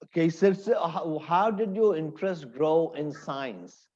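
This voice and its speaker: A man's voice: fairly high pitch, animated, unhurried, a little mellow, muffled recording. A man hosting an interview, reading a formal introduction and asking questions with some hesitation. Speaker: interview host.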